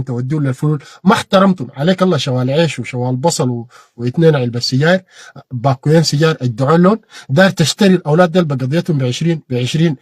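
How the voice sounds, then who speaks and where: A man with a Sudanese Arabic accent giving an impassioned political monologue, repeating phrases and bursting into shouted peaks. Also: fairly high pitch, slightly rough, no room sound, studio quality. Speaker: political commentator.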